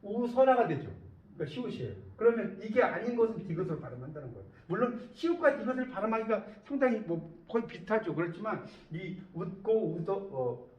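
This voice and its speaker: A man's voice: high voice, very animated, fast. A man lecturing a class in a lecture room, often stopping to ask the students whether they follow. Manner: questioning students often, checking understanding. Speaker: university lecturer. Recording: distant, echoey, dull classroom recording.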